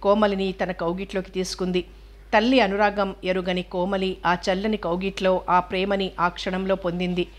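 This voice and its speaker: A woman with a mid-range voice narrates a novel for an audiobook, telling the story in an even, measured way.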